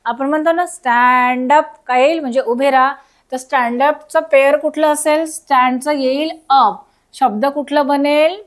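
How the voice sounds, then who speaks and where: A woman's voice: high voice, unhurried. A woman teaching a recorded school lesson, spelling words out letter by letter and asking children questions.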